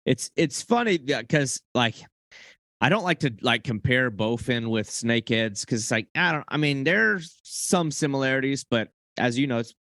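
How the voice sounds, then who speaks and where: A man hosts a podcast in a relaxed, chatty way, with a voice of middling pitch. The sound is dry and close, with no room echo. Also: normal speed. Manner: relaxed, laughs along, chatty. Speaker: podcast host. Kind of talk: casual conversation.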